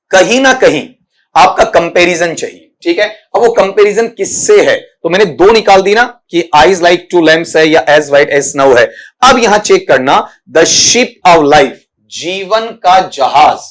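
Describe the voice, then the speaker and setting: A man gives an exam-prep English lesson. His voice sits a little high, and he walks through each answer step by step, posing questions and then answering them himself. He slows right down whenever he reads out an English line. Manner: reads English lines out slowly. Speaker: English teacher.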